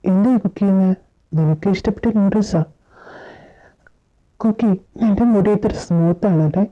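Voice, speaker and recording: A woman's voice: mid-range voice, normal speed. A woman acting out a fan-made audio story, dramatically switching between character voices. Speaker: storyteller voicing all characters. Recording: phone-like lo-fi audio with faint music.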